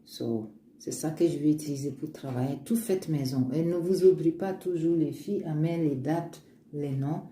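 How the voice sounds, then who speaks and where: Speaking at a moderate pace in a low, warm voice, a woman presents her homemade oils in a casual show-and-tell vlog, moving between English and French. An African language is her first tongue. Earnest and upbeat, she mentions faith and frequently starts over, recorded in an echoey room with faint background noise.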